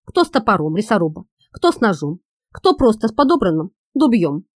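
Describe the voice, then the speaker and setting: A woman narrating an audiobook in a lively, expressive reading. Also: medium pitch, fairly quick, dry recording, studio quality.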